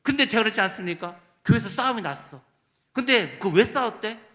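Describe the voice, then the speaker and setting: Bright, high-voiced man preaching a sermon. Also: animated, fairly quick. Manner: emphatic, with rhetorical questions and answers to himself; shifts between loud stress and dropped, quiet asides. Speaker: pastor. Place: church sanctuary.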